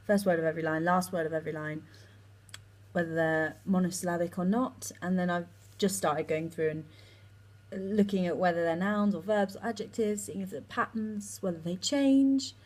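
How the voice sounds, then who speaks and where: A woman's voice: fairly low pitch, a little mellow, low-quality recording. Chatty young drama student, a woman. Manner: chatty, with many ums and quick run-on sentences. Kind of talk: casual talk about her acting class work.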